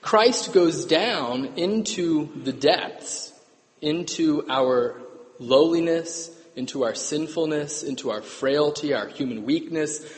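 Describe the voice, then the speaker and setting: A man's voice: on the high side, expressive, slow. Male priest with a cathedral echo. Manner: conversational, self-correcting, asks the congregation "right?". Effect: cathedral echo, long church reverb. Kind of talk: gospel reading and homily. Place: large church. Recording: long echoey church reverb.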